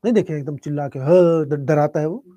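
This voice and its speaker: A man teaching a live online exam-prep class, speaking softly and unhurriedly while answering students' chat questions. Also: a little high, no echo. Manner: soft-spoken, calm and unhurried.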